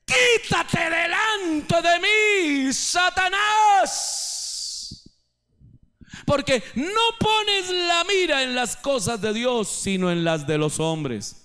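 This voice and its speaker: A man acting out Jesus sternly rebuking a disciple, shouting slowly. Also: extremely high pitch, lively intonation, long reverb tail, voice pushed up, exaggerated voice. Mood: thundering rebuke.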